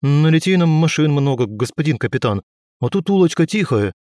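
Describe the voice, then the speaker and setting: A man's voice: on the high side, animated, a little fast, a little mellow, no room sound, clean studio sound, voice pushed up, natural voice. A man voicing a frightened, deferential police driver who speaks nervously to his superior. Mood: servile.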